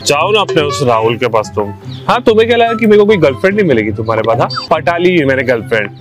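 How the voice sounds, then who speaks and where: Young man cooing baby talk, fairly high voice. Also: big pitch swings, very fast, music in the background. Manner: sweet baby talk to a girlfriend, coaxing and sheepish with strangers. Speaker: prankster. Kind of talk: pranking strangers by talking on a pretend video call. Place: outdoor park bench.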